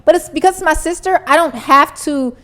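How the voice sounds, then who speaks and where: A woman's voice: sits high, brisk, a bit bright. A woman co-hosting a podcast, chatting earnestly with many fillers. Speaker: podcast co-host. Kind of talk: casual chat.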